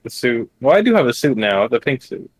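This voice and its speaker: A man's voice: mid-range voice, big pitch swings, fairly quick, dry recording. Hesitant man playing a tabletop game. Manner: hesitant, stammering restarts. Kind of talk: casual in-character play.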